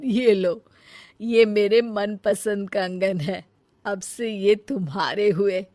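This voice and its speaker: Woman as older visiting aunt, cartoon story, effusive, generous, unhurried, dry recording. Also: medium pitch, warm tone, no echo, close to an everyday voice.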